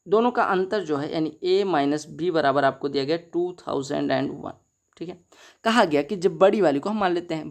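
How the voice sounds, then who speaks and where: A male maths teacher giving an exam-prep lesson, talking each sum through step by step in a chatty way and calling his students brother. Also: fairly high pitch. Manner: chatty, steps through sums aloud, calls students brother.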